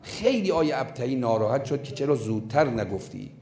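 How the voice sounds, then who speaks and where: Animated man preaching in an echoey room. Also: medium pitch. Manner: animated, emphatic storyteller, slowing down for key points. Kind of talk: sermon storytelling.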